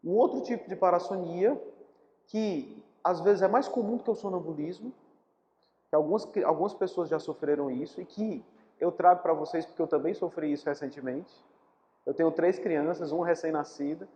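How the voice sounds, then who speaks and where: A man's voice: on the high side, normal speed, mellow. Brazilian man lecturing in a reverberant hall. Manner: explanatory, repeats key words for emphasis. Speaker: spiritist lecturer. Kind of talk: live public talk. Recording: dull recording in a reverberant hall.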